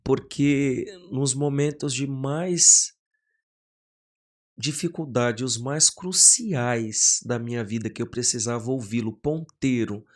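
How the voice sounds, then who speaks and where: A man, a pastor, talks casually as a podcast guest. His pitch sits in a middle range for a man. He tells lively anecdotes and slips into the voices of the people he quotes, on a close studio mic. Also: takes it slowly. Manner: animated storyteller who acts out quoted voices.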